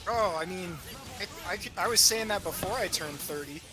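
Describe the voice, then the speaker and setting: Man from the US East Coast, thirties, easygoing co-caster, slightly high pitch, music clearly behind. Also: moderate pace. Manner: laid-back, self-deprecating banter. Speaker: co-commentator. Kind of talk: casual esports commentary.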